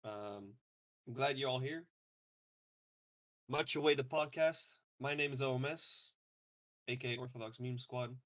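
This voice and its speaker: A man in his twenties hosting a casual podcast, relaxed and hesitant with many ums. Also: medium pitch, unhurried, long pauses. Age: 20s. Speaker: podcast host. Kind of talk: casual chat.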